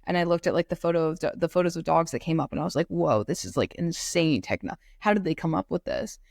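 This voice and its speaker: A fast, expressive woman with a low, gravelly and slightly mellow voice, recorded clean with no echo at studio quality. She's a law student in her twenties from North Carolina, USA, guesting on a podcast over a computer mic on a remote call and rambling casually with lots of "like" fillers.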